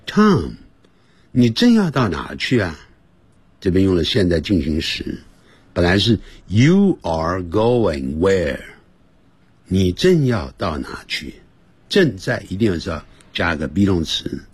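A man teaching an English lesson on the radio. He explains grammar patiently and sounds words out slowly, several times over, to show how they should be said. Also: deep voice, huge pitch swings, husky, dry recording. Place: radio studio.

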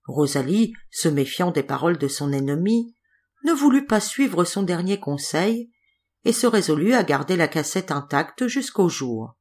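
A woman reading a fairy tale aloud as an audiobook narrator, calm and measured. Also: on the low side. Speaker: audiobook reader. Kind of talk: storybook narration.

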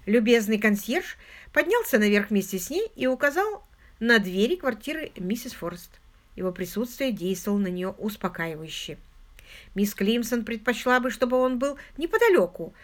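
A woman narrating an audiobook in an expressive, scripted reading style. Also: mid-range voice, brisk.

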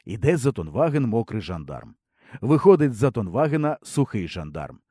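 A man reading a storybook aloud with expressive, comic storytelling. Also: on the low side, moderate pace, slightly rough, dry recording, studio quality. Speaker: audiobook reader. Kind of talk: scripted storybook narration.

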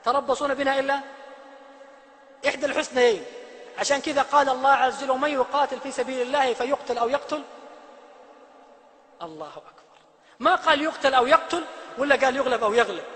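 A male preacher giving a sermon, swinging between loud emphasis and hushed quotes. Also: very high-pitched, quick pace, pauses often. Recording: long hall reverb.

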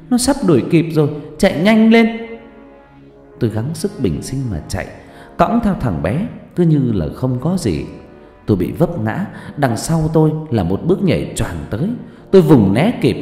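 A man's voice: mid-range voice, mellow. A man narrating a horror story in the first person, with a dramatic delivery. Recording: echoey room with long reverb and faint music.

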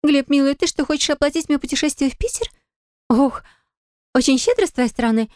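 A woman voicing a capricious, greedy young wife in an audiobook, high and squealing. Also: lively intonation, a little fast, darkish tone, no echo, clean studio sound. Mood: gushing. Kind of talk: audiobook character voice.

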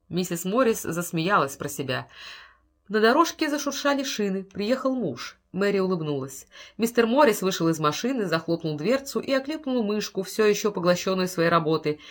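A woman narrating a literary story in a measured, dramatic storytelling manner. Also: medium pitch, fairly bright tone. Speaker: audiobook narrator.

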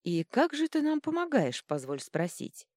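A woman's voice: on the low side, sing-song, moderate pace, dark tone, no echo, studio quality, pitched above the performer's own voice. A woman doing a smug, teasing chaos godling. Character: mischievous invisible male chaos godling.

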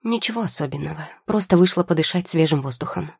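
A weary young potion-maker who snaps back with curt, sarcastic answers, as a woman reads her in an audiobook. The voice is low, dark and husky. It is recorded close and dry. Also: moderate pace, no echo. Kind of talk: audiobook character voice.

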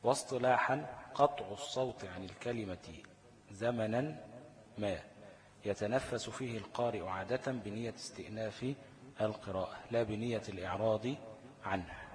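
Egyptian man teaching, quizzing himself aloud. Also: fairly low pitch. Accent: Egyptian Arabic. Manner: asks rhetorical questions and answers them himself; reads definitions slowly, then explains in quick colloquial speech. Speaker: Quran recitation teacher. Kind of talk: explaining lesson, reading definitions slowly.

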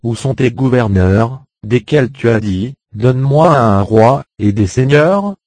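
A man's voice: mid-range voice, animated, takes it slowly, a little mellow, no room sound. Man reading scripture aloud, dry sound. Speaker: Bible reader.

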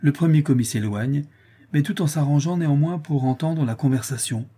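Man narrating an audiobook, dark husky voice, steady scripted reading. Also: a little high, moderate pace. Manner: reads a novel aloud, lifting his voice slightly for the characters' lines.

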